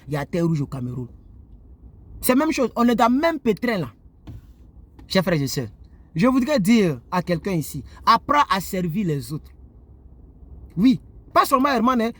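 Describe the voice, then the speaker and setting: A man from Côte d'Ivoire, seated indoors and delivering a preachy monologue straight to his viewers. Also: sits high. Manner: animated, preachy, addresses viewers directly. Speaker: YouTuber. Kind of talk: moralizing monologue to camera.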